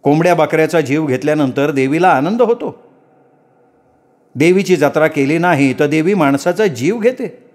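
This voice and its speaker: A man voicing a rational young village man who questions his elders quickly and pointedly. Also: fairly high pitch, expressive, darkish tone, pitched above the performer's own voice, close to an everyday voice. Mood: challenging. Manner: quick, challenging. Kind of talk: dramatic storytelling.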